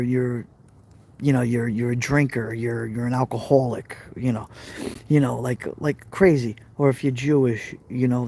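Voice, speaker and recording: A middle-aged man with a Brooklyn accent, from Brooklyn, New York, runs a casual live stream where he chats to viewers, reads their comments and often repeats himself. His medium-pitched voice is gravelly and warm in tone.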